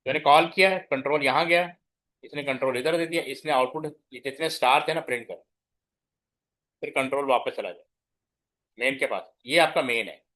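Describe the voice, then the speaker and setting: A middle-aged computer science teacher lectures his class step by step in Hindi, dropping in English terms and making sure students keep up. His voice is mid-range and fairly bright, at a normal speed with long pauses.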